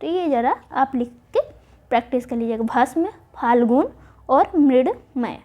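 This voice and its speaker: A woman teaching Hindi spelling for exam prep, spelling words out slowly and answering her own questions. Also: high voice, lively intonation, warm tone. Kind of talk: online exam-prep lesson.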